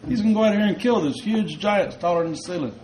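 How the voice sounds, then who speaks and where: A man's voice: sits high, fast talker, darkish tone, echoey room, slight background noise, natural voice, rough recording. A man voicing a doubtful king who scoffs in disbelief. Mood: scoffing. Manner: scoffing, incredulous.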